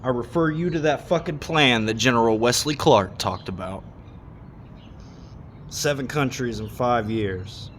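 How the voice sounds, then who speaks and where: A man in his thirties in a casual, heated rant, swearing often and pausing between thoughts. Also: mid-range voice, fairly bright tone, slight background noise. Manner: heated, swearing, with long pauses. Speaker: monologue speaker.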